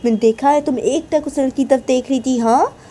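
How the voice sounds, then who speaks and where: A woman voicing a jealous young woman who scolds and threatens her girlfriend loudly, in a storybook telling. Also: sits high, fairly quick, voice pushed up. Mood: angry.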